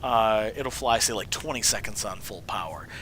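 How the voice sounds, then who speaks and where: Hosting a laid-back gameplay video, a hoarse man whose voice is mostly gone from illness sniffles his way through his builds, jokey and rambling, often correcting himself. His lowish, expressive voice moves at a moderate pace with a fairly bright tone, occasionally dropping to a whisper. Slight background noise is audible.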